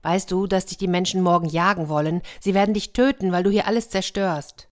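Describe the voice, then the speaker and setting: Woman doing eager storybook boy, kind and cheerful, raised childlike pitch. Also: a little fast, close to an everyday voice.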